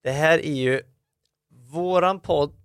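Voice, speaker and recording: A man's voice: fairly high pitch, smooth, dry recording, studio quality. A man co-hosting a casual podcast, rambling and restarting his sentences as he chats with his co-hosts. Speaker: podcast co-host. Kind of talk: casual chat.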